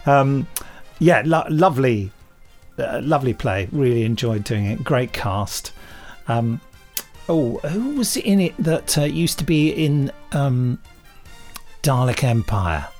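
This British man, a podcast host and drama director, rambles through chatty conversation, quoting with glee. He speaks slowly but very animatedly in a medium-pitched, slightly mellow voice, over faint background music.

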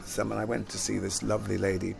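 Faint music sits behind an older man with a fairly low, vocal-fry voice and a quick pace. An actor and singer born in Jamaica who grew up in London, he reminisces in a relaxed interview, rambling, repeating words, and frequently laughing.

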